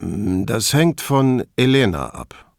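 A man voicing an older male count, grieving and halting, quick to flare up. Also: medium pitch, big pitch swings, gravelly, no echo, studio quality, full character voice. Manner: halting, heavy with grief.

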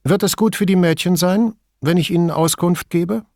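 A man's voice: fairly high pitch, very animated, no echo, studio quality, voice pushed up. A man doing a curt, wary woman on the phone. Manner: curt, hurried. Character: wary middle-aged widow on the phone, curt. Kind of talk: audiobook dialogue.

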